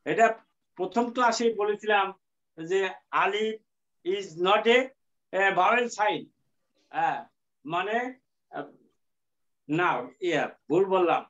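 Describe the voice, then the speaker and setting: A man teaching an Arabic lesson, explaining slowly and repetitively with many fillers and English terms mixed in. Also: high-pitched, fairly bright tone. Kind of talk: classroom lecture. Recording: dull lo-fi sound.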